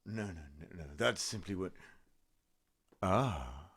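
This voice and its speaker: An actor playing a pompous, grandiose older stage actor who declaims theatrically in a comedy radio sketch. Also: male voice, low voice, expressive, takes it slowly, gravelly, fairly bright tone, slightly rough, no echo, studio quality, full character voice. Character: pompous old theatrical ham actor man.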